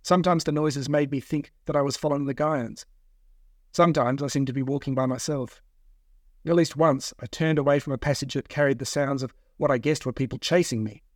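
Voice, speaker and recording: A man reads his own novel aloud in a steady, measured first-person narration at a middle pitch. The voice sits close and dry, recorded in a studio with no room echo.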